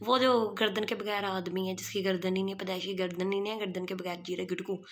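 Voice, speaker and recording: A woman's voice: medium pitch, level tone, fast talker. A young woman vlogging to her phone camera in a small room, giving scornful, chatty commentary. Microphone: phone camera at arm's length.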